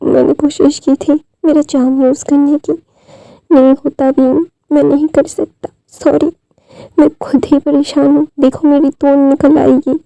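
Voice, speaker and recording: A woman's voice: sits high, flat delivery, unhurried, creaky, mellow, no echo, voice pushed up, rough recording. A woman voicing a charming young man who frets and apologizes. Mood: fretful. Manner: fretful, apologetic.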